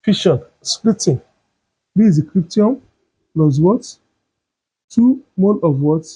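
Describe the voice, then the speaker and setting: Slow man teaching chemistry, dull sound. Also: high-pitched, expressive, mellow, husky. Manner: asks questions and fills in the answers himself. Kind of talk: chemistry lesson.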